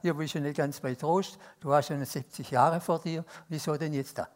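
A Swiss man with a Swiss German accent preaching a sermon, telling stories that swing between loud emphasis and hushed asides. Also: fairly high pitch, steady tone, moderate pace. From Switzerland.

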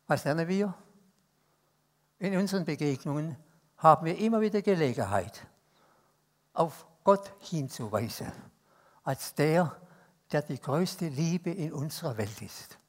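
A Swiss man with a Swiss German accent preaching a sermon, telling stories that swing between loud emphasis and hushed asides. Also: on the high side, animated, measured pace. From Switzerland.

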